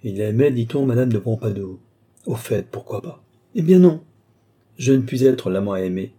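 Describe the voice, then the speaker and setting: A crafty old marshal, as a man with a dark, husky voice reads him aloud, coaxing one moment and scolding the next. His voice jumps well above the reader's own low register into sharp, lively outbursts. It is audiobook character acting, cunning and impatient. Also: moderate pace, close to an everyday voice. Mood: scheming. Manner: wheedling, then scolding in sudden high bursts. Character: scheming old male marshal, sly and impatient.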